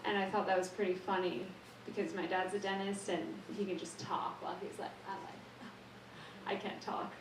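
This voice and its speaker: A woman reading her own short poems at an open mic, a little nervous and laughing softly between them. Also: medium pitch, level tone, moderate pace, background noise. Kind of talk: slow spoken-word poetry reading. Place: small studio performance space. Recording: echoey room, far from mic.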